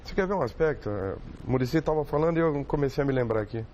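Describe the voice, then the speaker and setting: A man, a football coach guest on a TV panel, speaking calmly and briefly. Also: medium pitch, rapid-fire, dull audio, slight background noise. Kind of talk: casual studio chat.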